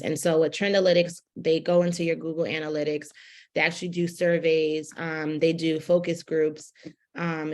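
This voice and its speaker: A woman with a low voice leads a relaxed workshop lecture over a video call. She talks in a loose, conversational way, full of fillers, and checks in with her class by asking "right?". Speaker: fashion business instructor.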